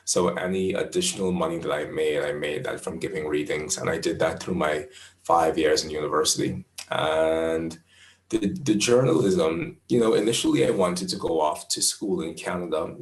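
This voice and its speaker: Deep gravelly Bahamian man in his twenties. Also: roomy sound. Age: 20s. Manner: thoughtful, measured, restarts phrases. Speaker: astrologer interviewee. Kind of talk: conversational interview answers.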